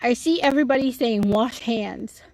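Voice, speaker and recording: A woman's voice: fairly high pitch, moderate pace, darkish tone, dry recording, poor audio. A woman giving a casual, chatty live tour of her home vegetable garden outdoors, explaining things to viewers as she goes and speaking into a phone.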